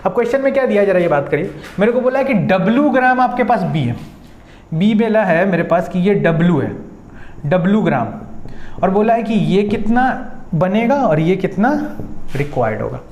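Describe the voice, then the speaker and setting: High-voiced man teaching chemistry. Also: lively intonation, darkish tone, echoey room. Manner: explains step by step, often asks the students questions; dictates slowly while writing. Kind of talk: whiteboard lesson.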